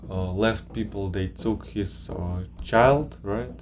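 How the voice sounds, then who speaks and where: A man casually chatting on a live stream, reading out viewer questions and reacting, with halting pauses. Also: lowish voice, a little hiss or hum. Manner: slow, halting, many filler pauses.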